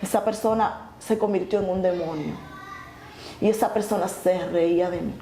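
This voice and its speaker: A woman telling her testimony earnestly, halting and restarting often. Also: on the low side, mellow. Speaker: guest sharing her testimony. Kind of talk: emotional personal testimony. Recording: echoey room with faint noise.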